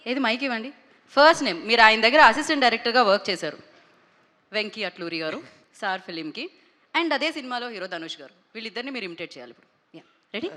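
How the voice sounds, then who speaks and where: A woman's voice: a little high, lively intonation, very fast, pushed and bright, big-room sound. A woman hosting a film event on stage, upbeat and mixing in English. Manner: upbeat, mixes Telugu and English. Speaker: event host.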